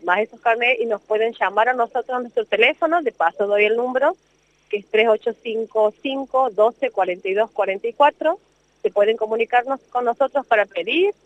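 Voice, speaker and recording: High-voiced woman, hesitant. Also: dry recording. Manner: hesitant, many fillers. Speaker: provincial labor official. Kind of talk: interview answers. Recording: dull muffled sound.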